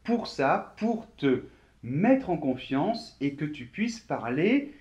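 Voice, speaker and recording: A man from France teaching a video lesson, speaking slowly and clearly straight to the viewer. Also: a little high, very animated, a little mellow, highs cut off. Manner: slow, clearly articulated teaching, addressing viewer directly. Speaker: French teacher.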